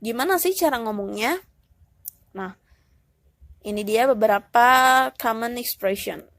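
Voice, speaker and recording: A woman teaching English in a relaxed, casual way, explaining step by step and dropping in English phrases. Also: fairly high pitch, measured pace, dry recording.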